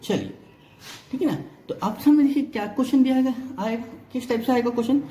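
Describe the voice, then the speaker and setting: A man with a high voice and dark tone, in an echoey room, teaches reasoning in an exam-prep lesson. He explains step by step, counts items aloud, and often checks whether students are following.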